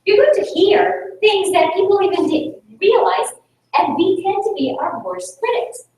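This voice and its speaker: In a very echoey meeting room, a high-pitched Filipino woman, a native Tagalog speaker, gives an energetic public speaking talk with Q&A at a club meeting, constantly drawing the audience in with rhetorical questions. She sounds a little distant from the mic, faint noise runs beneath her, and her delivery is unhurried.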